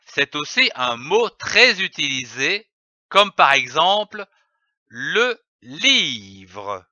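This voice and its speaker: A man teaching children to read, slowly sounding out letters and syllables in a phonics lesson. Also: a little high, big pitch swings, bright, forceful tone, no echo, lo-fi sound. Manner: slow, carefully spelled-out syllables. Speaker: reading teacher.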